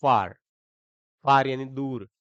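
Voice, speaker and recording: With a slow, medium-pitched voice, a man teaches English grammar in Hindi, working through it step by step, spelling words letter by letter and often checking that his students follow. The recording is dry and lo-fi.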